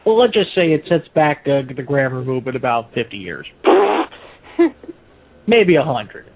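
Husky man on a tinny line. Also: mid-range voice, sing-song, normal speed. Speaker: podcast co-host. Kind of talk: casual chat.

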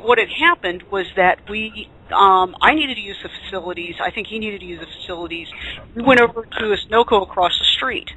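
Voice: mid-range voice, pushed and bright, low-quality recording. A host of a live group talk show, chatting and introducing people with a showman's flourish.

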